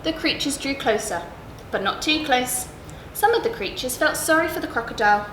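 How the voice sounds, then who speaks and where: High-voiced woman reading a bedtime story. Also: lively intonation, moderate pace. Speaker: story reader at a school. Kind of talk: expressive children's bedtime story narration. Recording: roomy echo, clear background noise.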